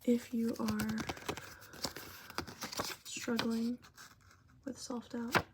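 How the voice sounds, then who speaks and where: A woman giving a breathy, whispered and very soft-spoken ASMR pep talk, speaking informally and gently to the listener. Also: a little high, flat delivery, extremely slow, background noise. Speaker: ASMR creator giving advice.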